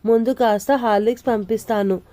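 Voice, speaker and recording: A woman's voice: fairly high pitch, steady tone, brisk, mellow, close to an everyday voice. Woman reading as a preachy older neighbor man. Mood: lecturing. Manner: preachy, fatherly lecturing. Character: older male neighbor, prying and lecturing.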